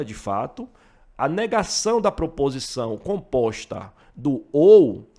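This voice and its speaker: A man's voice: a little high, darkish tone. A man with a Brazilian accent teaching math, explaining each step through worked examples and often checking in with the listener. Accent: Brazilian Portuguese. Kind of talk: explaining logic for exam prep.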